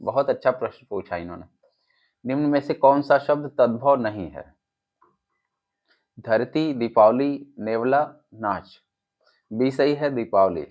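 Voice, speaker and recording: Slow, deliberate Hindi exam tutor. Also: male voice, mid-range voice, expressive. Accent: Uttar Pradesh Hindi. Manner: reads each option, then gives and explains the answer. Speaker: teacher. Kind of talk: exam-prep lesson, reading quiz options. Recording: dull lo-fi audio.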